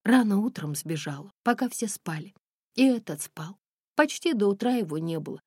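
A woman reading a stubborn young runaway bride who talks quickly and emphatically. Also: mid-range voice, expressive, mellow, husky, no room sound, clean studio sound, voice pushed up. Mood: bitter.

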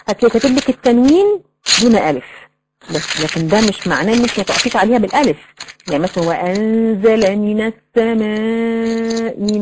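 An Egyptian woman at a mid pitch teaches a tajweed lesson. She explains each rule, asks her students questions and slowly draws out the recited examples. A faint hiss sits behind her voice. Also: a little mellow, low-quality recording. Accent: Egyptian Arabic.

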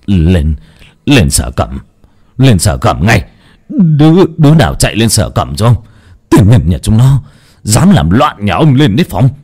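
A man's voice: deep voice, lively intonation, fast, a little mellow. A man voicing a hot-tempered young master of a wealthy house who barks orders at his servants. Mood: furious. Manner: gruff, barking, domineering.

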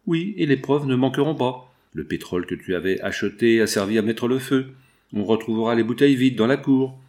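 A man's voice: medium pitch, animated, brisk, darkish tone, close to an everyday voice. A man voicing a cynical, brutal male foreman who gives orders and threats. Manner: cynical, commanding.

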